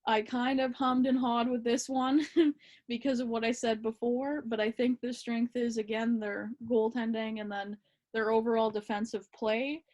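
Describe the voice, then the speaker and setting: A woman co-hosting a casual hockey chat, relaxed and hesitant with lots of ums. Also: on the high side, moderate pace. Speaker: podcast co-host.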